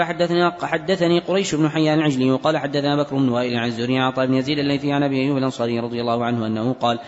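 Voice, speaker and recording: A man reading hadith text aloud to his teacher, running through the chains of narrators in a brisk, unbroken recitation. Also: on the high side. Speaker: student reader. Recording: dull recording with long hall reverb.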